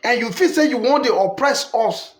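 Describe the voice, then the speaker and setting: A man's voice: very high voice, lively intonation, normal speed, roomy sound. A man with a Nigerian accent delivering an impassioned political monologue in Pidgin, quoting scripture and repeating himself. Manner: preachy, quotes scripture, repetitive.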